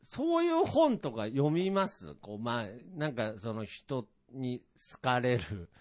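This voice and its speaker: A man's voice: medium pitch, sing-song, measured pace, darkish tone. A man co-hosting a podcast, chatting casually in a polite, hesitant way, with many fillers. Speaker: podcast co-host. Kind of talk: casual chat.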